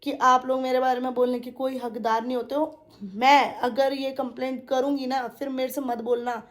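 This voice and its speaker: A woman's voice: high voice, flat delivery, normal speed. A young woman venting to her viewers in a casual monologue. She sounds indignant, repeats herself and speaks to them directly. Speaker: vlogger.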